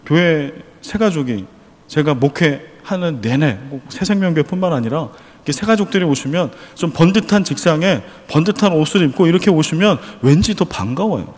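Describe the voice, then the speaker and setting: Korean pastor guy preaching, kinda high voice, lots of questions, big echoey church hall. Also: lively intonation, fairly quick, darkish tone. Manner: earnest preaching with rhetorical questions and prayer. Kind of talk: sermon.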